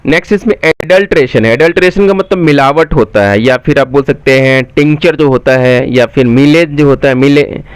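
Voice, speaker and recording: A man with a Bihari Hindi accent teaching a spelling lesson for exams. He spells each word slowly letter by letter, then explains its meaning quickly and asks his viewers questions. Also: medium pitch, clear, resonant tone, no room sound. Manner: asks the viewers questions and answers them himself. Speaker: exam coaching teacher.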